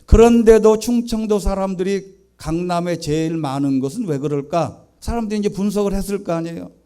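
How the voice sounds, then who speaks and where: Male pastor, middle-aged, sermon, high voice, mellow tone, earnest, call-and-repeat. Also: clear, resonant tone. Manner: earnest preaching, leads congregation in repeating phrases.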